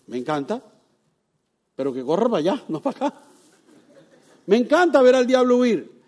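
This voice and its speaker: A man with a high voice preaches a sermon. He swings from loud emphatic lines down to hushed ones, asks his listeners questions and acts out voices. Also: big pitch swings, normal speed. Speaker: pastor.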